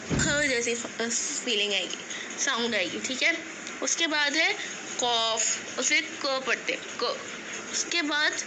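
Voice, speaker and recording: A woman's voice: high-pitched, background noise. A woman teaching a lesson, patiently repeating each sound and asking the viewer questions. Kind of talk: explaining an alphabet lesson.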